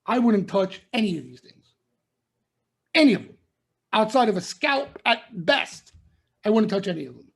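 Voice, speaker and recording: On a members-only market broadcast, an emphatic male trading commentator lectures and warns his listeners, hammering points again and again. He speaks at a moderate pace in a high, sing-song voice with vocal fry, a breathy edge and long pauses.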